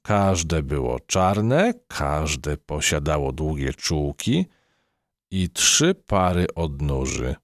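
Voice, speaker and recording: A man narrating a children's audiobook in an expressive storytelling manner. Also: very deep voice, slow, no room sound, studio quality.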